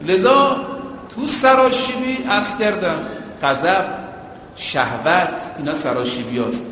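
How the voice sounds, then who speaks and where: A man's voice: high voice, fairly bright tone, slight background noise. A male preacher giving a sermon, using everyday driving comparisons and chanting quotations in Arabic. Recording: echoey hall with a long reverb.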